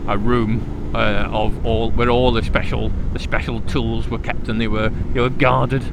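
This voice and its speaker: Riding his motorbike through traffic, a middle-aged motorcycle vlogger from Liverpool rambles to himself in his local accent, jokey, slangy, and self-deprecating. His gravelly mid-range voice stays fairly flat and measured, with engine and road noise loud in the background.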